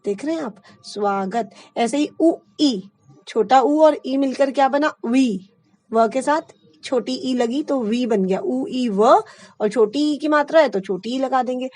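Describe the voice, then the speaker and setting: A woman's voice: high-pitched, unhurried, a little mellow, no room sound. A woman teaching a Hindi grammar lesson, explaining step by step and often checking in with her class.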